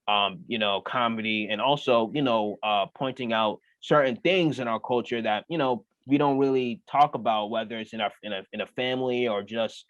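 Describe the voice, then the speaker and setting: Here a relaxed young male comedian from the US fields interview questions, his answers full of "uh" and "you know." He has a lowish voice, captured in dry, muffled remote audio.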